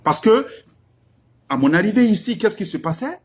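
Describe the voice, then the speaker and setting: A man's voice: high voice, big pitch swings, moderate pace, breathy edge. A middle-aged man from Africa, preaching emphatically and asking rhetorical questions. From West Africa. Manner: emphatic, rhetorical questions, repeats lines for effect. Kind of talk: religious exhortation.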